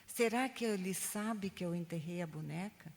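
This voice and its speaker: A woman's voice: on the low side, moderate pace, vocal fry, darkish tone, long reverb tail. An older woman voicing a frightened, guilty young boy while telling a Bible story to a class. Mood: worried.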